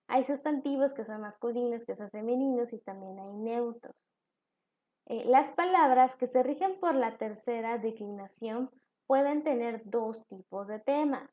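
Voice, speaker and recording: A woman's voice: fairly high pitch, mellow. A woman teacher giving a recorded online class, explaining step by step with examples.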